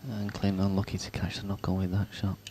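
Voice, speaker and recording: A man commentating live on a pool match, with hushed, dry, chatty asides between shots. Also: low voice, monotone, fast talker. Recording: noisy venue background.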